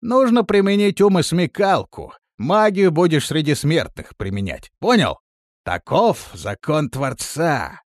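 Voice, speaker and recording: A shrill, boastful chatterbox. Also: male voice, unhurried, dry recording, clean studio sound. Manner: loud, excited, boastful. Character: boastful cheerful talkative man, leader's sidekick.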